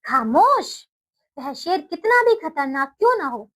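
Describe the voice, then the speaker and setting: A woman's voice: sits high, very animated, measured pace, fairly bright tone, heavily acted. A woman voicing a roaring, furious lion king. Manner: roaring, threatening. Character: proud angry male lion, king of forest.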